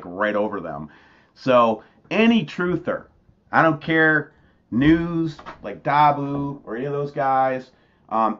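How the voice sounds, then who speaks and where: A man hosting his own channel, talking loosely and casually to viewers about pictures, calling them man and guys. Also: mid-range voice. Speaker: channel host. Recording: dull lo-fi sound.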